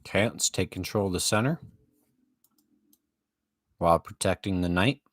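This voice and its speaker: Low-voiced young man narrating chess. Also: moderate pace, dry recording, studio quality. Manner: self-deprecating, swings between panic and hype. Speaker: chess streamer. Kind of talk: casual chess commentary.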